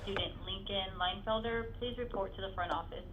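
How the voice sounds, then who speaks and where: A woman from the school office making a formal paging announcement over the intercom, repeating the call twice in a measured way. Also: medium pitch. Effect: school intercom loudspeaker. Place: school office, heard in a classroom. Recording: muffled distant intercom in a noisy room.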